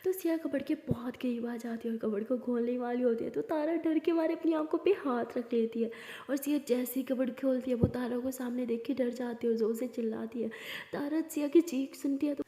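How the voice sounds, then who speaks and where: A young woman narrating a romance story in a hushed, breathless telling. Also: high-pitched, brisk. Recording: roomy reverberant room.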